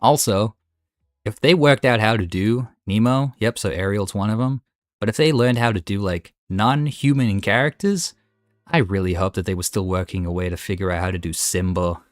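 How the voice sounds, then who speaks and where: Low-voiced, opinionated gaming commentator man. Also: moderate pace, no room sound, studio quality, soft background music. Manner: enthusiastic, opinionated and chatty. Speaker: gaming video host. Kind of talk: casual tier-list commentary.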